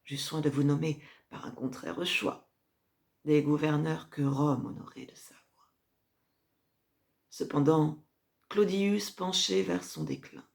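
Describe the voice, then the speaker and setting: With cold, controlled pride, a woman performs a full character voice as a scheming Roman empress mother reproaching her son. Her low, gravelly voice has lively intonation, and she delivers the French classical verse monologue in a measured, declamatory way, shifting from hushed drops to emphatic swells.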